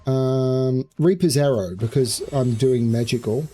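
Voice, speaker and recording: A man's voice: mid-range voice, measured pace, mellow, faint music behind. A man playing a video game, reading its story text aloud like a storyteller and adding offhand commentary. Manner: switches between storyteller reading and offhand remarks. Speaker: gaming video player.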